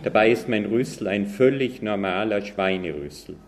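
A man voicing a grumpy, simple-minded male pig in a read-aloud animal story, speaking loudly and indignantly. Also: lowish voice, moderate pace, slight background noise, lightly acted. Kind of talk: storybook reading.

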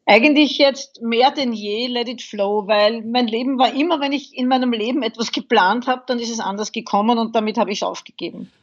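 A woman's voice: a little high, fairly quick, few pauses, lo-fi sound. A woman, a podcast guest vividly recounting a crash she survived. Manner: vivid, animated storytelling. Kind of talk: interview, telling a survival story.

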